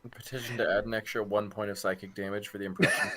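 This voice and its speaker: A man's voice: lowish voice, fairly even intonation, fast, background noise. A man playing a tabletop game, casually explaining rules and his moves.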